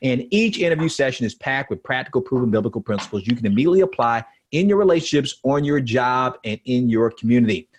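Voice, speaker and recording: A man's voice: medium pitch, animated, quick pace, few pauses, a little hiss or hum. A man hosting a podcast in an upbeat, scripted style with emphatic, motivational delivery. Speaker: podcast host.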